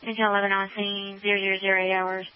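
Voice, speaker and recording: A woman working as a fire dispatcher, reading back calls in clipped, steady phrases over a two-way radio transmission. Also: medium pitch, fast. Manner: flat, clipped readback. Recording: muffled radio channel with faint static.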